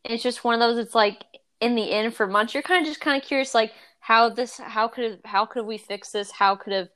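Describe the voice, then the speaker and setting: Chatty young woman, highish voice. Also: a little fast, a bit bright. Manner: rambling, full of "like" and restarts. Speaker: podcast co-host. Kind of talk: casual chat.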